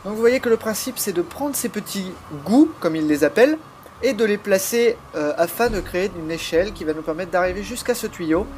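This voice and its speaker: A man's voice: high-pitched, animated, a little fast, darkish tone, a little hiss or hum. A man with a slightly altered voice, chatting and explaining as he plays a video game, recorded on a laptop's built-in microphone. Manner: chatty, explains while playing, frequent hesitations. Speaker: let's play host. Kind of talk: casual gameplay commentary.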